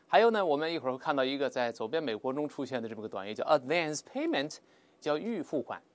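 A man teaching an English vocabulary lesson, explaining patiently and drawing out example words slowly for students to repeat. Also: medium pitch. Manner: lively, drawls English words slowly for repetition; explains patiently with filler particles.

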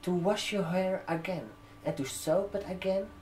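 In this soft customer-service ASMR roleplay, a non-native English speaker in his twenties acts as a barber shop receptionist from an indoor desk with a laptop. His high-pitched voice comes with a little hiss or hum, and keyboard typing is heard behind him. He talks gently and haltingly, stretching out phrases and checking in with questions.

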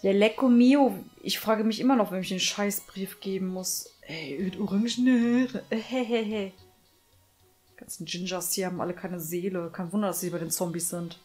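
A woman's voice: medium pitch, moderate pace, darkish tone, soft background music. A woman giving casual, sarcastic commentary while playing a game, swearing and grumbling a lot. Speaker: let's play streamer.

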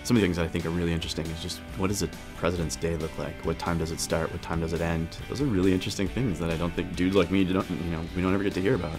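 A man's voice: low voice, fairly even intonation, rapid-fire, few pauses, music in the background. A young man, a small business owner, talking eagerly and chattily in an interview. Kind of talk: casual interview.

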